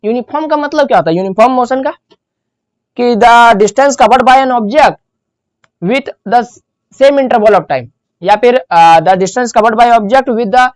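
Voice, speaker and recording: A woman's voice: fairly high pitch, no echo. A woman teaching a physics lesson, explaining step by step and repeating the key terms. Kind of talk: classroom lecture.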